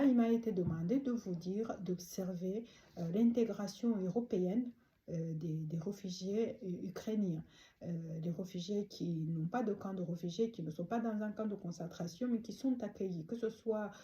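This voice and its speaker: A woman from Rwanda delivers a prayer and prophetic address in a very dark, mellow voice. She talks haltingly, with many pauses and fillers, yet stays earnest and pleading throughout. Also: mid-range voice. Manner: halting, with frequent hesitations and fillers. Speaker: speaker delivering a prophetic message.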